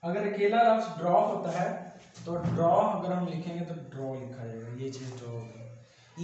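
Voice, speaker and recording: A man teaching a shorthand class, slowly spelling out syllables and repeating each step. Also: high voice, a little mellow. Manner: slow, repetitive, spells out syllables. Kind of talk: classroom lesson explaining steps. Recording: very echoey, dull lo-fi sound, faint noise.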